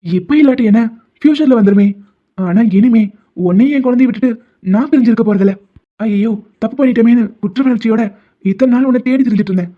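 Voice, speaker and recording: The male lead in this animated romance dub is a stubborn young doctor, voiced at a quick pace with a natural, medium-pitched delivery. He calls the heroine pet names and insists she's his wife, all over muffled lo-fi sound and faint music.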